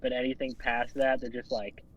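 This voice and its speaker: A man's voice: medium pitch, flat delivery, moderate pace, fairly bright tone, slightly rough, dull audio. A man co-hosting a casual podcast, easygoing and rambling, swearing now and then. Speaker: podcast co-host. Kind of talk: casual chat.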